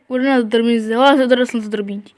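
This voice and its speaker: A girl with an Egyptian accent voicing a menacing father who has grown into a giant, in a deepened, slow, threatening drawl. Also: fairly bright tone, no echo, clean studio sound. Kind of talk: toy role-play storytelling.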